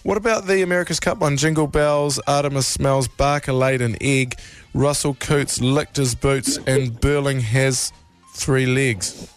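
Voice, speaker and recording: A man's voice: medium pitch, steady tone, unhurried. A man with a New Zealand accent co-hosting breakfast radio, taking calls and teasing in a dry, chatty way. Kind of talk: joking radio banter.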